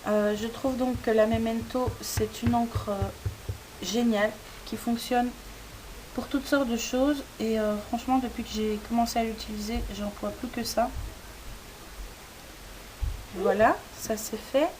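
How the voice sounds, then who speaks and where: Woman craft-tutorial host, slightly high voice, hesitant talk full of fillers, steady hiss in the recording. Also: unhurried. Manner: hesitant, frequent "euh" fillers while working. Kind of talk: step-by-step demonstration.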